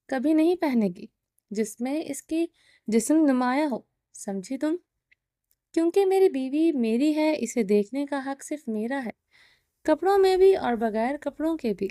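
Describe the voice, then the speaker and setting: Storybook reading: woman voicing a taunting, domineering male mafia boss, high warm voice. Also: expressive, no room sound, studio quality. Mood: possessive. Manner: taunting, commanding.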